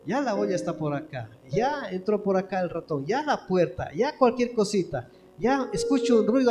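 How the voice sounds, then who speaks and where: A man's voice: high-pitched, darkish tone. A man with an Ecuadorian accent preaching a sermon as pastor, asking many rhetorical questions one after another. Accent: Ecuadorian Spanish. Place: church hall. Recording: echoey church hall with faint background noise.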